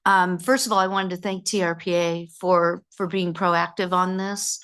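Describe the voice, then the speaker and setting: A woman's voice: fairly low pitch, little pitch movement, moderate pace, a bit bright, clean tone. A woman board member commenting at a public meeting, hesitant and full of fillers.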